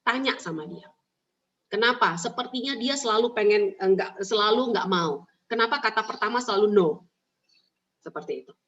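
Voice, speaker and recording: A woman giving parenting advice in an emphatic, animated way, repeating her key points. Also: mid-range voice, normal speed. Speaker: parenting speaker. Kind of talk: advice talk answering questions. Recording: muffled lo-fi recording.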